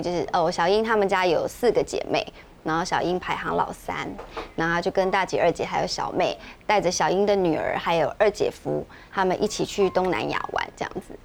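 A woman, co-hosting a podcast and telling a ghost story in a chatty, measured way with many fillers. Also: fairly low pitch, slight background noise. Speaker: podcast co-host.

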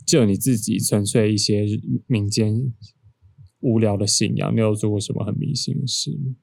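A man's voice: fairly low pitch, normal speed, vocal fry, no echo, studio quality. A young man with a Taiwanese Mandarin accent, co-hosting a podcast and telling stories in a casual, teasing way. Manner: storytelling, animated and teasing. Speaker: podcast co-host. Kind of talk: casual chat.

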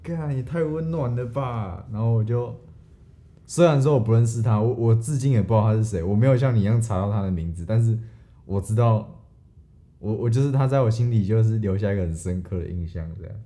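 A man's voice: on the low side, quick pace, warm tone. A young man with a Taiwanese Mandarin accent, chatting easily as podcast co-host, often restarting his sentences. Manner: easygoing, stammering restarts. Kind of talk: casual storytelling chat.

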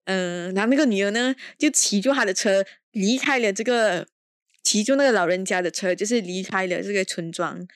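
A woman's voice: mid-range voice, normal speed, dry recording, studio quality. A woman hosting a casual film review podcast. She talks in an exasperated, sarcastic way and drops in English exclamations. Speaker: podcast host.

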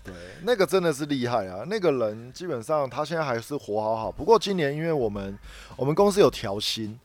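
A man's voice: mid-range voice, sing-song, a little fast, darkish tone. A man with a Taiwanese Mandarin accent, co-hosting a casual podcast chat and telling a long work story that circles back on itself, with many repeated words. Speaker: podcast co-host.

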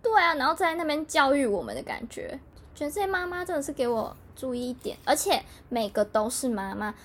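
High-pitched woman, casual chat, exasperated storytelling. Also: big pitch swings, fairly quick, fairly bright tone, a little hiss or hum. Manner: exasperated storytelling, acts out customers' lines.

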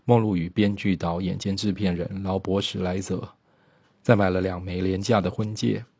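A man narrating a biographical documentary in a steady storytelling manner, with occasional small slips. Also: sits low, normal speed, breathy edge, no echo.

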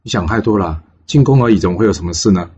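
A man's voice: sits low, animated, very fast, a little mellow, slightly rough, muffled recording, full character voice. A man voicing a kindly ancient minister who sounds friendly and concerned.

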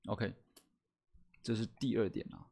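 A man hosting a podcast lesson, explaining step by step, often asking "right?" and slowing down to stress key words. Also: lowish voice, steady tone, gravelly, warm tone, slightly rough. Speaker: host teaching sales skills. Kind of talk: solo podcast lesson with slides.

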